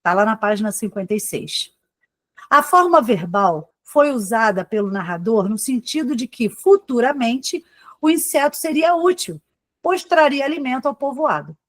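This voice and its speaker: A woman's voice: a little high, sing-song, normal speed, dry recording. A woman teacher with a Brazilian Portuguese accent giving a live online exam-prep class, chatty, calling on students by name and tagging her points with "tá?" and "né?". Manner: chatty, addresses students by name, frequent "tá?" and "né?" tags.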